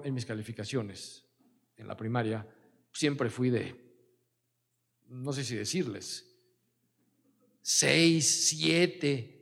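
A man's voice: mid-range voice, vocal fry, big-room sound. A middle-aged man with a Mexican accent preaching a sermon, mixing scripture with personal stories in a conversational way. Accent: Mexican Spanish. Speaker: pastor.

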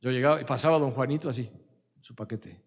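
A man's voice: mid-range voice, fast, long reverb tail. A middle-aged man with a Mexican accent preaching a sermon, mixing scripture with personal stories in a conversational way. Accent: Mexican Spanish. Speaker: pastor.

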